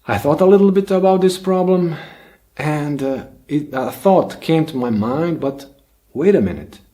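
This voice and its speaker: A Bosnian-native man hosts his own channel, delivering a reflective solo monologue slowly and thoughtfully, with many "uh"s and restarted sentences as he works through ideas. His voice is dark and mellow yet on the high side and animated.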